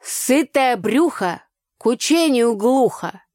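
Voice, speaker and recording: A woman's voice: a little high, lively intonation, slow, no echo, clean studio sound, voice pushed up. A woman voicing a brash, chatty village girl who speaks in folk sayings. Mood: boisterous. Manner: brash, loud, chattering in proverbs.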